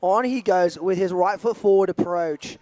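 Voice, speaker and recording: High-voiced hyped sports commentator man. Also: a little mellow, dry recording. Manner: hyped, rapid play-by-play with playful banter.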